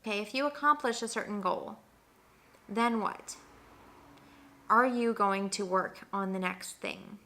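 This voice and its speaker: A young woman speaks straight to her viewers in a motivational vlog, stacking up emphatic rhetorical questions about growth. Her voice is bright and forward. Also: mid-range voice, measured pace, long pauses. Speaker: wellness vlogger.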